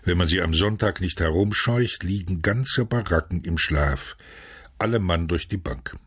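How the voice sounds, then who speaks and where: A man reading a novel aloud as scripted narration, measured and steady, switching to loud shouts for quoted lines. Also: sits low, slightly rough, no echo. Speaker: audiobook narrator.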